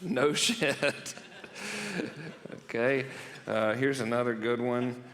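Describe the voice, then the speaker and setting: Male workshop presenter, mid pitch, irreverent comic delivery, long hall reverb. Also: steady tone, slow, a bit bright. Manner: loose, jokey and profane, laughing at his own gags. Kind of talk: joking seminar talk. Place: event room stage.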